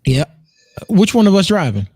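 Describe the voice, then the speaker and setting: High and sing-song, with a darkish, breathy edge, this voice belongs to an American man in his 30s. He moves at a moderate pace with no echo, co-hosting a casual group chat as a podcaster and streamer, joking around, repeating himself and cursing freely.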